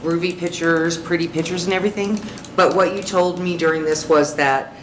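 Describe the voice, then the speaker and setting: Woman council member, very low voice, blunt, frustrated, echoey room, background noise. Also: fairly even intonation, moderate pace. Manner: blunt, frustrated, plain-spoken. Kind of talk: questioning at a public council meeting. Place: large council chamber, seated at the dais. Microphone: desk microphone. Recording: echoey noisy council chamber.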